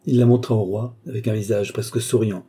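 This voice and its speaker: A man reading a classic novel aloud as an audiobook narrator, lifting his pitch to voice the characters' dialogue. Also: steady tone, fairly quick, mellow, slightly rough. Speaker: audiobook reader.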